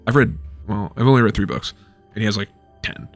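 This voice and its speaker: A man's voice: on the low side, a little fast, soft background music. A man in his thirties giving a loose, rambling book review at home, swearing freely.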